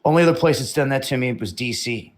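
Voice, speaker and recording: A man's voice: mid-range voice, fast. Rambling opinionated male stream host. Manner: rambling, opinionated, swears casually. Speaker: livestream host. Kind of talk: casual live-stream talk.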